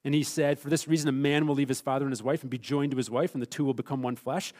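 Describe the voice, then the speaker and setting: A man preaching a sermon as pastor, emphatic, swinging between loud stressed phrases and hushed, quiet asides. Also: mid-range voice, steady tone, fast talker.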